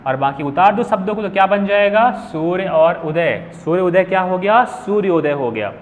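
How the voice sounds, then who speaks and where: A man's voice: high-pitched, expressive, brisk. A young man teaching Hindi grammar in a classroom lesson, asking questions and answering them himself. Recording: phone-like hall echo with faint hiss.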